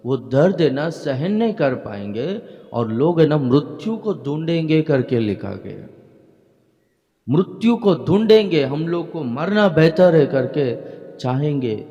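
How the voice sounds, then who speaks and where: A man preaching slowly in a church hall, with a long reverb trailing his words. The sound is dull and lo-fi. He keeps asking his listeners questions and breaks in with "praise the Lord". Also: fairly high pitch, dark tone. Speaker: pastor. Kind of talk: sermon.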